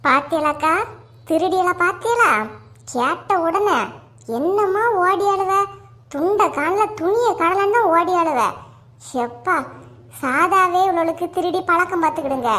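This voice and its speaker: A woman voicing an indignant, gossiping village neighbour in a cartoon, speaking with a Kanyakumari Tamil accent in a quick, complaining, sing-song way. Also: extremely high pitch, fairly bright tone. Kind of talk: cartoon voice acting.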